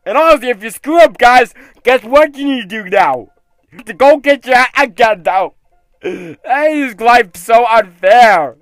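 A man hosting excitable video game commentary, exclaiming and scolding the game character, often tacking "though" onto his sentences. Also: very high voice, unhurried, no echo, low-quality recording. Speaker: gaming video host.

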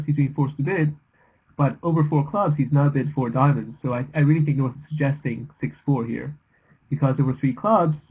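A man's voice: mid-range voice, breathy edge, lo-fi sound. A young man analysing bridge bidding as a commentator, thoughtful and a little hesitant. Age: young adult.

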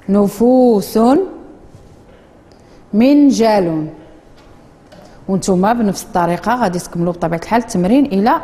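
A woman with a Moroccan accent teaching a children's reading lesson in a classroom, slowly drawing out words for the pupils to repeat. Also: mid-range voice, dark tone, long reverb tail. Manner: slow, drawn-out modeling of words for children. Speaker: primary school teacher.

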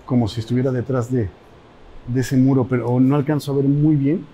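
A man with a Mexican accent, hosting an exploration vlog and giving hushed, cautious commentary as he walks through a large abandoned building. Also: medium pitch, little pitch movement, fairly quick, muffled recording, a little hiss or hum. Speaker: host, explorer.

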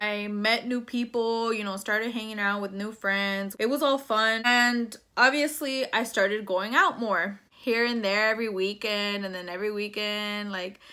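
A woman in her 20s chats to camera in a small, plain indoor room, telling a personal story casually and with slang while switching between English and Spanish. Her voice is fairly high, bright and forceful.

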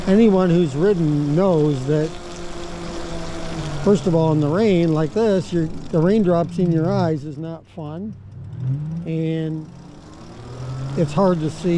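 A man, casually narrating while riding an ebike outdoors in the rain, talking in an easygoing, rambling way with fillers. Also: on the high side. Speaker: ebike vlogger. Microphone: helmet or body-mounted action camera. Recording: noisy outdoor ride with road and traffic. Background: road and traffic noise.

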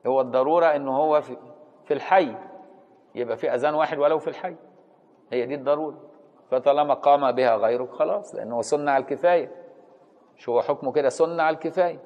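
A man's voice: fairly high pitch, fast, pauses often, big-room sound, lo-fi sound. A man with an Egyptian Arabic accent teaching Islamic law. He reads from a classical text, then explains it in everyday speech and often asks his listeners whether they follow.

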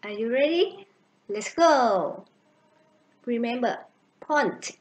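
A young woman teacher with a Vietnamese accent, drilling children slowly and clearly in an online English lesson on webcam. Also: a little high, expressive, reverberant, poor audio. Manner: slow, clear, encouraging drilling.

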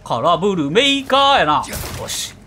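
Kansai man streamer, bright excitable voice, faint hiss. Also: high-pitched, unhurried. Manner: excitable, jokey, reads game text aloud. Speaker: game streamer. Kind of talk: let's play commentary.

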